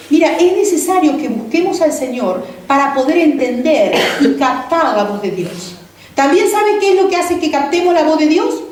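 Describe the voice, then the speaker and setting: A woman pastor delivers a sermon in a high voice, piling up repeated phrases and rhetorical questions. She sounds distant from the mic, and her voice rings around a very echoey church hall. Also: darkish tone. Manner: repetitive, rhetorical questions to the congregation.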